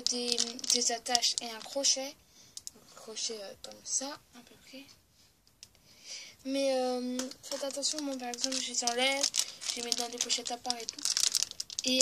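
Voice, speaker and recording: Woman, casual haul video, enthusiastic, chatty, self-correcting, frequent apologies, somewhat high voice, loud rustling packaging nearby. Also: heavy background noise. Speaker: vlogger showing her purchases. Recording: loud crinkling of packaging and clicks close to the mic.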